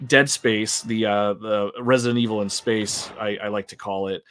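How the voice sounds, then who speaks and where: A man's voice: fairly low pitch, fairly bright tone. A man giving casual, rambling gameplay commentary on a livestream, laughing and talking to his chat. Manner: chatty, rambling, laughs often, talks to chat.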